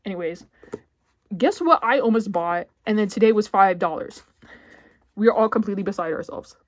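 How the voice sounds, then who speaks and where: A woman's voice: mid-range voice, lively intonation, fairly quick, no echo. Chatty rambling woman book vlogger. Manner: chatty and rambling, heavy filler words, sudden squealy outbursts. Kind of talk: casual rambling chat.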